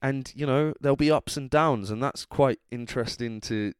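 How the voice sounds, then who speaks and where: A man's voice: mid-range voice, normal speed, smooth, no room sound, clean studio sound. A drunk man with an English accent, chatting casually as a solo podcast host, rambling, interrupting himself and trailing off. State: drunk, tipsy.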